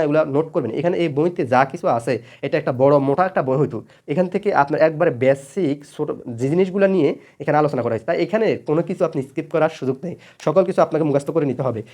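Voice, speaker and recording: Man teaching grammar super fast, says everything twice, lots of ums. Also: a little high, a little mellow. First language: Bengali. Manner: repeats each point several times, many fillers. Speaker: English teacher. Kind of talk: spoken grammar lesson.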